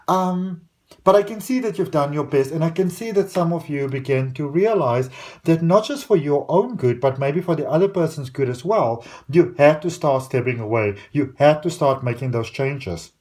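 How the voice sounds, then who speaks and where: Earnest tarot reader man, higher voice. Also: animated, normal speed, a little mellow. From South Africa. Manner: earnest, repeats "I can see" phrases. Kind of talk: tarot reading to camera.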